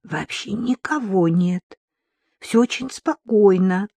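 A nervous, hospitable older woman, voiced by a reader in an audiobook. She speaks in an anxious, hushed way, with a dark, mellow tone. The sound is dry and close. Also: medium pitch, expressive, a little slow, no room sound. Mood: whispering. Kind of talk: audiobook character reading.

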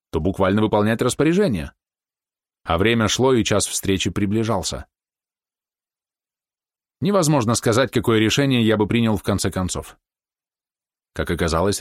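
A man reading a novel aloud in first person, with measured, steady storytelling. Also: on the low side, no echo, clean studio sound. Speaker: audiobook narrator. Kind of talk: scripted first-person narration.

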